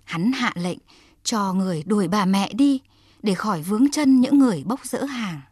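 A woman's voice: mid-range voice, lively intonation, moderate pace, darkish tone, slightly rough, no room sound, clean studio sound. A woman narrating a folk tale for children, speaking expressively and addressing the little listeners. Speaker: storyteller for children.

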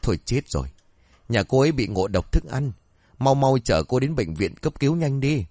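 A man's voice: mid-range voice, big pitch swings, normal speed, dark tone, no echo, studio quality. A man voicing a middle-aged village neighbor in a spoken story, urgent and practical.

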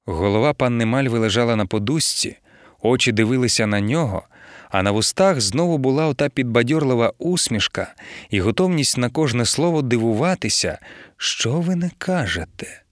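A man narrating an audiobook in a measured, expressive storytelling manner. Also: medium pitch, no echo, clean studio sound. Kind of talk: audiobook reading.

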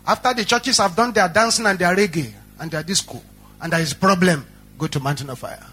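High, bright-voiced Nigerian preacher. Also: male voice, a little fast, slightly rough. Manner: animated storytelling with repetition. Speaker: pastor. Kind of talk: sermon.

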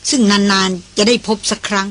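A woman narrating a novel as an audiobook in a plain, steady storytelling manner. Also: mid-range voice, moderate pace. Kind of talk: reading a novel aloud.

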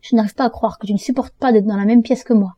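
A hurt younger sister reproaches her brother, as a woman reads her in an audiobook. Her voice is dark and mellow, recorded dry and near the mic. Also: on the high side, steady tone, fast, no echo, muffled recording, lightly acted. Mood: reproachful. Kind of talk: audiobook dialogue reading.

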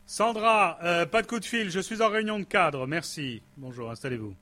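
A man's voice: sits high, moderate pace, sharp tone. A man playing a cynical male company boss who fires his staff with smug sarcasm, in a stage comedy sketch. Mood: smug, sarcastic. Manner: smug, sarcastic, coldly dismissive.

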